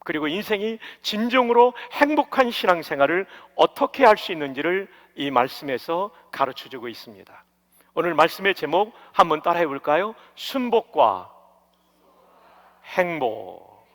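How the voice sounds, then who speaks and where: A man's voice: high-pitched, lively intonation, a little fast, a bit bright. A man from Daejeon preaching a revival sermon as pastor, explaining the text and asking the congregation to repeat after him. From Daejeon, South Korea. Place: church sanctuary. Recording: long church hall reverb.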